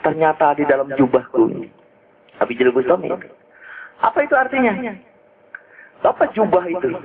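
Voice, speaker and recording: A man preaching in a casual, storytelling way, joking and asking his listeners rhetorical questions. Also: high voice. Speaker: Islamic preacher. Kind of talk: casual religious teaching talk. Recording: tinny lo-fi phone-like recording.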